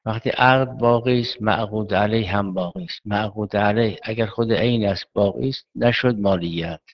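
A man's voice: lowish voice, dull audio. A man teaching Islamic jurisprudence in a seminary lecture, reasoning step by step and asking questions he then answers himself.

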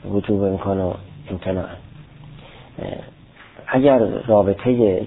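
Guy teaching logic and theology, husky lowish voice, sounds like a tinny old phone recording. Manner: reads Arabic text aloud and explains it. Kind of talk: lecture reading and explaining a classical text.

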